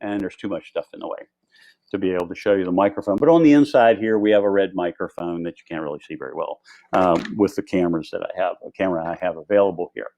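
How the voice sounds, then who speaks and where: A man's voice: deep voice, fast talker, vocal fry, mellow, rough recording. A man giving an informal, rambling tutorial as an instructor presenting equipment on live video in a conversational way. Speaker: instructor presenting diving gear.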